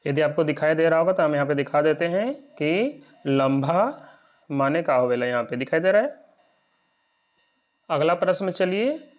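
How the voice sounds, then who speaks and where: A man teaching an exam lesson. He often checks whether his listeners are following. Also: on the high side.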